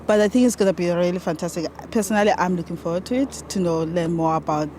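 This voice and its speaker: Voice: mid-range voice, fast talker, background noise. A young participant from South Africa, speaking in an upbeat way in an interview. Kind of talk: casual interview.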